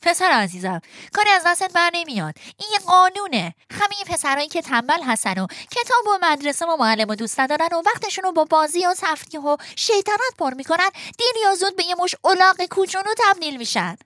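Woman as a gentle storybook marmot, very high and bright, lively lilting delivery, dry close sound. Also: dry recording, heavily acted. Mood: consoling. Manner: gentle, consoling, lecturing. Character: kind, caring little female marmot neighbor.

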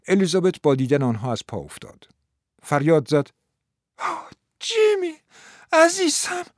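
A man narrating an audiobook in an expressive, dramatic storytelling manner. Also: medium pitch, dry recording, clean studio sound.

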